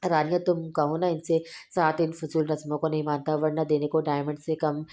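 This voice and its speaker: A woman's voice: low voice, little pitch movement, normal speed, lightly acted. Woman reading as a caring elder sister. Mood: tender. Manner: warm, reassuring, protective.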